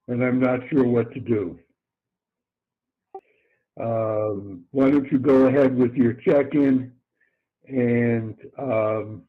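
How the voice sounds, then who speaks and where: A man with a mid-pitched voice hosts an amateur radio net in a polite, halting way. He is heard through a thin, band-limited two-way radio link. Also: phone-quality sound.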